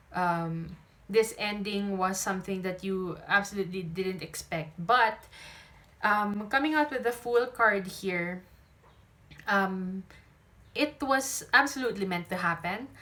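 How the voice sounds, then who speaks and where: A woman's voice: medium pitch, pushed and bright. A woman with a Filipino accent and a mid-range voice reads tarot for her viewers. She talks conversationally, checking in with the listener as she goes. She speaks up to be heard over rain, without a dedicated microphone. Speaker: tarot reader and channel host. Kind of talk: intuitive tarot reading to viewers. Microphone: no usual microphone, camera's own mic.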